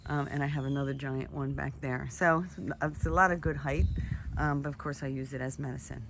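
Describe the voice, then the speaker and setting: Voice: medium pitch, steady tone, a little fast, vocal fry, fairly bright tone. A gardener giving an enthusiastic, slightly out-of-breath walking tour of an outdoor garden, recorded on a handheld camera. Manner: enthusiastic, exclaiming over plants. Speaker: gardener showing her garden. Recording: outdoor ambience noise. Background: outdoor ambience.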